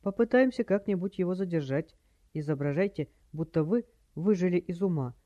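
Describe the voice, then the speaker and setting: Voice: mid-range voice, animated, brisk, muffled recording, natural voice. Narrator doing an urgent young hero. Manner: urgent, hushed. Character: quick-thinking boy hero.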